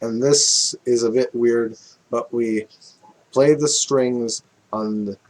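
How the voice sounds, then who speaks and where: In a relaxed, screen-recorded music tutorial, a man with an ordinary mid-range pitch talks unhurriedly, thinking aloud with fillers and correcting himself. Snippets of music play in the background.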